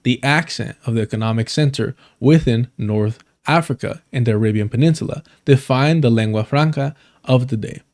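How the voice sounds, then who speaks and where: Reading an article aloud on his livestream, this man often trips over words, then corrects himself and says sorry. His mid-range voice is a little mellow and moves at normal speed.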